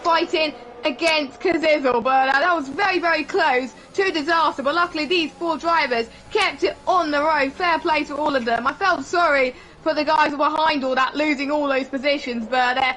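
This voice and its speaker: A woman giving live sim racing commentary in an excitable way, with frequent exclamations. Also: sits high, moderate pace, hardly any pauses. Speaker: esports race commentator.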